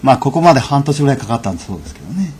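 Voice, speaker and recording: A man giving a lecture and telling an anecdote in a measured, unhurried way, with frequent fillers. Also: mid-range voice, very animated, a little mellow, a little hiss or hum. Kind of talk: storytelling lecture.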